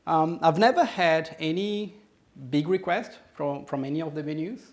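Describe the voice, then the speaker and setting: After giving his conference talk, this speaker, a man in his thirties with a Brazilian accent, answers questions from the audience in the conference room. He speaks at a moderate pace in a slightly high, a little mellow voice, often restarting and saying um.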